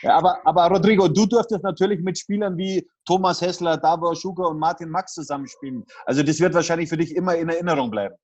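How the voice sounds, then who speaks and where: Very quick-talking male interviewer. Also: a little high, a little mellow, dull audio. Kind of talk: casual interview talk.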